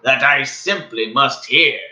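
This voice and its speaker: A man voicing a grumpy, scheming old creature from a storybook, gleefully mean, with sneering, drawn-out, theatrical phrasing. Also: medium pitch, pushed and bright. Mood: gloating. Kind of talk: storybook character voice.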